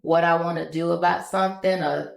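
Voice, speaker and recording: A woman in her thirties, a business owner telling stories in a relaxed, conversational interview chat. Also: lowish voice, a little fast, creaky. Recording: echoey room.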